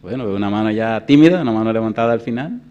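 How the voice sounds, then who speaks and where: A pastor in his fifties preaching a sermon, telling a story in a hushed voice and then rising to loud preaching. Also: on the low side, lively intonation, racing, clear, resonant tone, muffled recording. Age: 50s. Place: church.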